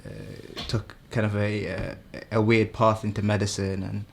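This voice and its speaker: A young man in his twenties from Sweden, a guest talking in a halting, easygoing way with many restarts. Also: fairly low pitch, level tone, vocal fry. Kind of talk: casual chat.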